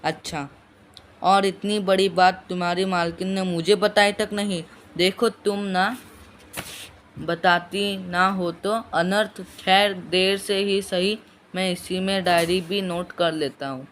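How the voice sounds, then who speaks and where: Man acting as a loud, stern male employer. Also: high voice, steady tone, slow, a little hiss or hum. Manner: louder, raised, emphatic delivery. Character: stern male employer, mocking then lecturing.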